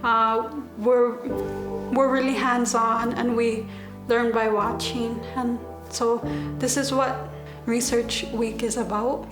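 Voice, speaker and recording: Higher-voiced woman in echoey room. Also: little pitch movement, slow pace. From Baker Lake, Nunavut, Canada. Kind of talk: casual interview talk. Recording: echoey room, loud guitar music behind.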